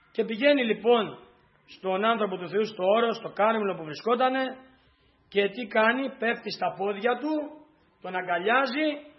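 A man's voice: high-pitched, muffled recording. A man preaching an earnest sermon, retelling scripture and addressing the congregation with repeated phrases. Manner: earnest, repetitive, storytelling.

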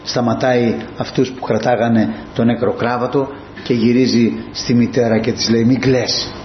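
A male preacher giving an impassioned sermon, moving between hushed asides and high, emphatic peaks, in a church. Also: flat delivery. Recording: dull, roomy and slightly noisy.

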